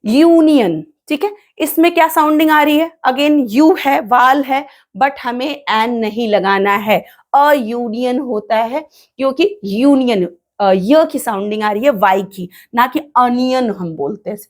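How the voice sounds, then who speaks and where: A woman with a fairly high voice teaches grammar in a patient classroom manner. She says each example word slowly, over and over. She asks her own questions and then answers them. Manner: repeats words slowly to drill pronunciation. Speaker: English teacher. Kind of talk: classroom-style grammar lesson.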